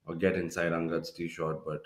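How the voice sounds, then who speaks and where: A man's voice: low voice, little pitch movement, a little fast, roomy sound. A man working as a golf commentator, hosting live tournament coverage from a studio. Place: broadcast studio.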